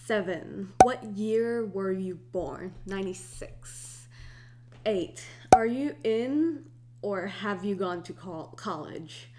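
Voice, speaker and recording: Slow-talking young woman vlogger. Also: mid-range voice, noisy background. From Hong Kong. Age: 20s. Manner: relaxed, unhurried, chatty with restarts. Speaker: YouTuber. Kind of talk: casual Q&A vlog.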